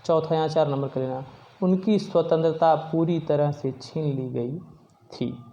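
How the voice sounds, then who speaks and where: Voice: mid-range voice, a little slow, mellow, muffled recording. A teacher explaining a poem verse by verse, paraphrasing each line and dictating worksheet answers for students to write down.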